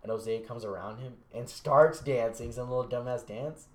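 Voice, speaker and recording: A young man on a podcast casually telling a long story, swearing freely and acting out the other people's lines in a lower mumble. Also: moderate pace. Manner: relaxed, swearing, acts out quotes in a low mumble. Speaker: podcast host. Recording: echoey room.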